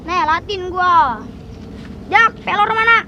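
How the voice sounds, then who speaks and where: Bossy, bickering youngster played by a woman, extremely high voice, Jakarta Betawi accent, noisy recording. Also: expressive, slow, exaggerated voice. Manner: bickering, taunting. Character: bossy, teasing youngster playing with a slingshot. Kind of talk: comedy skit acting.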